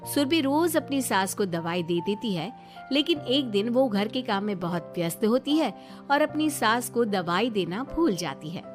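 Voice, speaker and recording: A woman narrating a family story in a plain, even storytelling manner. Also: a little high, normal speed, music in the background.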